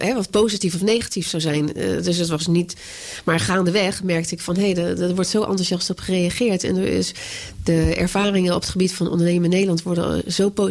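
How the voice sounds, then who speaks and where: A woman's voice: on the low side, a little mellow. A woman, the author of a book, answering interview questions in a hesitant way, with many fillers and restarts.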